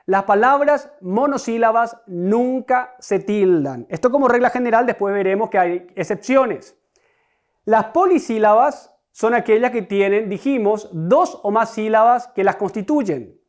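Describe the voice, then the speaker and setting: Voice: mid-range voice, lively intonation. Una persona docente que da una clase de gramática grabada para escolares, con tono deliberado y explicativo, repitiendo los conceptos clave y dirigiéndose a los alumnos. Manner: deliberate, explanatory, repeats key concepts; addresses students directly. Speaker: teacher. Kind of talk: recorded online grammar lesson.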